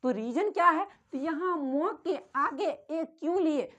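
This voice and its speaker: A woman's voice: high-pitched, unhurried, fairly bright tone. A woman teacher explains spelling step by step, calls the viewer "sir" and repeats each sound over and over. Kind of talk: slow classroom explanation, repeating drills.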